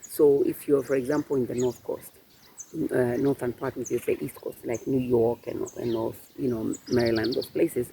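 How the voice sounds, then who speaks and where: A man's voice: medium pitch, little pitch movement, moderate pace, gravelly, dark tone, slight background noise. A man being interviewed, explaining things patiently in a casual chat and laughing often. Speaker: guest.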